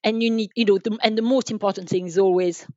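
On a podcast, an enterprise sales manager chats about business as the interview guest, stopping and starting and repeating words as she works through her thoughts. Her mid-range voice is warm, with fairly even intonation. The recording sounds like a dry, somewhat muffled online call, free of echo.

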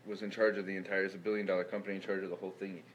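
Fast-talking energetic man. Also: deep voice, slight background noise, rough recording. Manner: fast, energetic, many restarts. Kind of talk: casual conversation.

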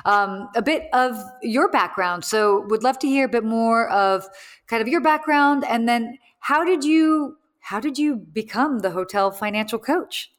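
A woman's voice: a little high, expressive, measured pace. Chatty woman podcast host. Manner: friendly, chatty questions. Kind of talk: podcast interview.

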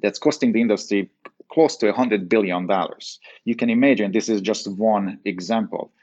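The speaker is a man from Hungary, an engineering executive guesting on a podcast, who explains things in a Hungarian accent. His voice is lowish and darkish and he talks at a normal speed. The interview recording sounds dull and lo-fi.

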